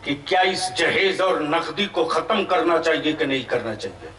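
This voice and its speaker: A man's voice: on the high side, expressive, normal speed, slight background noise. Preacher man roaring through echoing PA. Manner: rousing, questions the crowd, shouts at peaks. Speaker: Islamic preacher. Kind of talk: fiery sermon to an outdoor crowd. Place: outdoor public gathering. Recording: echoey distant PA sound.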